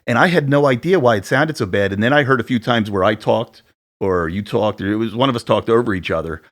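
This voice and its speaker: Speaking fast, this podcast co-host in his forties has a deep voice and records casual chat at home on a studio dynamic mic. He's chatty and tends to ramble, poking fun at himself over his audio equipment.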